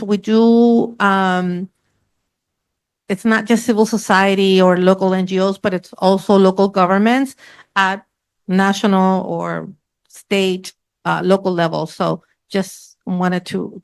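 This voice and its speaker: A woman's voice: medium pitch, clean tone. A woman on a panel discussing her foundation's emergency response work, frank and sometimes searching for words.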